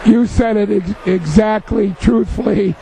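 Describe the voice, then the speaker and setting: A man giving live football color commentary in a halting, explanatory way. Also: high-pitched, fairly even intonation, gravelly, warm tone, a little hiss or hum.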